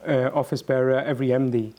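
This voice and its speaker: A man speaking reflectively as a guest answering questions, earnest and halting, often repeating words as he goes. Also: mid-range voice, little pitch movement, darkish tone.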